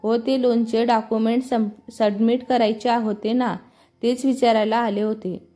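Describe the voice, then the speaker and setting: A timid young woman at work, read by a female narrator speaks hesitantly and apologetically in a fairly high voice. Faint music plays beneath. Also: level tone, unhurried, dark tone, close to an everyday voice.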